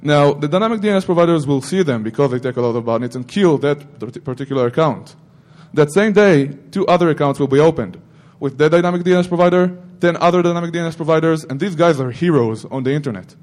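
A man's voice: on the high side, fast, hardly any pauses, darkish tone. A middle-aged man giving an informal technical talk at a security conference, rambling with self-corrections and joking asides to the audience.

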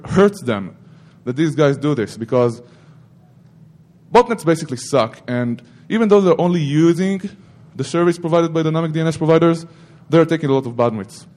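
A man's voice: fairly high pitch, darkish tone. A middle-aged man giving an informal technical talk at a security conference, rambling with self-corrections and joking asides to the audience.

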